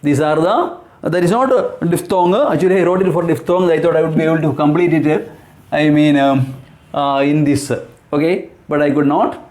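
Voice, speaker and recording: A man teaching a class and pronouncing vowel sounds. He repeats words slowly and keeps asking his students questions. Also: a little high, darkish tone. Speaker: English teacher. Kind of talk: classroom lesson at a blackboard. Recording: roomy echoing classroom.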